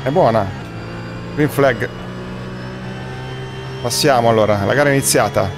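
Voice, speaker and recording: A man giving casual sim racing commentary, his voice hoarse and worn after the flu, chatty with his viewers. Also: mid-range voice, measured pace. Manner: chatty, addresses viewers as guys. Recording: faint music underneath.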